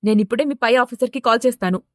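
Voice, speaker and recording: A woman's voice: on the high side, racing, no room sound, studio quality, close to an everyday voice. A woman voicing an arrogant young man, a politician's son, who talks in an irritated, dismissive way.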